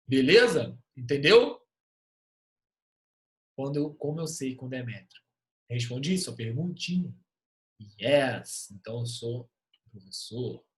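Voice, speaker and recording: Lively Brazilian man teaching a class. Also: fairly high pitch. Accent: Brazilian Portuguese. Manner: lively, joking, reads poems aloud. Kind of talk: online class lecture.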